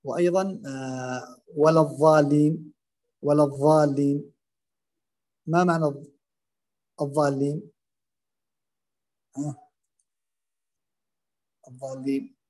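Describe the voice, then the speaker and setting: A man teaching Quran recitation, explaining and demonstrating common pronunciation errors in a halting, filler-heavy way. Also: on the high side, steady tone, dark tone. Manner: hesitant, many fillers and restarts, demonstrates pronunciations aloud.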